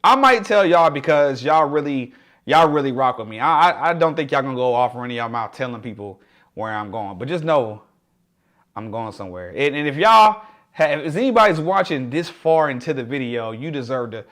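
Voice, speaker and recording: A man's voice: medium pitch, expressive, fairly quick. Chatty young man on a livestream. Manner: chatty, laughs often, talks to chat by name; drops to a hushed voice to share a secret. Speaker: livestream host. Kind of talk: casual livestream chat.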